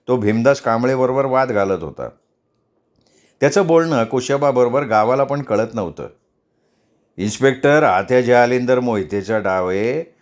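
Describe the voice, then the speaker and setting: A male storyteller narrating a novel as an audiobook, in a steady, measured manner. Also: mid-range voice.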